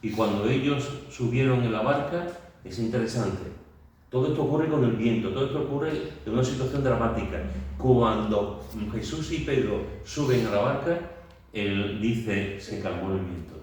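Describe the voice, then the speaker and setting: A man teaches a Bible study group, retelling the scene vividly and stopping often to restart his sentences. His voice sits at a middle pitch. It rings around a very echoey church room, picked up by a mic well away from him, with a faint hiss underneath. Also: normal speed, recorded from a distance. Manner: vivid storytelling, acting out scenes with shouts and sound words; many fillers and restarts.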